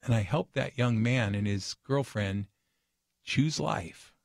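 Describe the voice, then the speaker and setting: A man guest on a radio talk show, telling a story in an earnest, animated way. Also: medium pitch, slow pace, creaky, no room sound, clean studio sound. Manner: earnest, animated, acts out voices in his stories.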